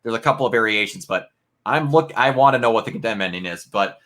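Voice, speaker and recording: A man's voice: lowish voice, expressive, fast, fairly bright tone. A man in a casual spoiler review chat, rambling and acting out scenes in quoted voices. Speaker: game reviewer.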